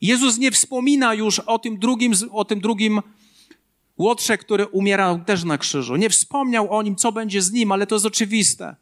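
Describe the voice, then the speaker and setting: A man's voice: high-pitched, moderate pace. A man preaching a sermon as a pastor, driving points home with earnest, emphatic repetition.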